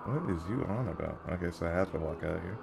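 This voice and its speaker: A man hosting a gaming channel, reacting to the game with loud, slangy excitement. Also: sits low, a little fast, gravelly. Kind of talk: let's play commentary. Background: faint game music.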